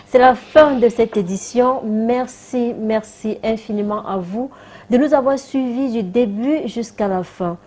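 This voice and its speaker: A woman hosting a TV show, briskly reading viewers' messages aloud and keeping the show moving. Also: on the high side, darkish tone. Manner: reads messages briskly, brief acknowledgments. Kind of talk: broadcast hosting.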